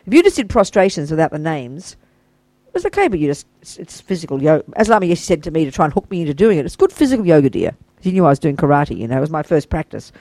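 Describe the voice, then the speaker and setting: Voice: mid-range voice, very animated, quick pace, dry recording, rough recording. Older buddhist teacher chatting thru a practice, super enthusiastic, lots of asides, dry close sound. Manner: chatty and enthusiastic, full of warm praise and asides. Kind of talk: informal dharma teaching to a small group.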